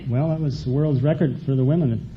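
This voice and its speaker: A man's voice: medium pitch, a little fast. A man answering plainly and matter-of-factly as a contestant on an old radio show. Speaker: contestant, deep sea diver. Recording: dull, hissy vintage radio recording.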